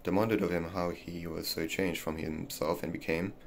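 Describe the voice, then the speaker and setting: Deep male reader, halting delivery with restarts, slight room hiss. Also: flat delivery, vocal fry. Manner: stumbling, repeating words as he reads. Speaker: reader of a classic essay. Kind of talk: reading an old text aloud.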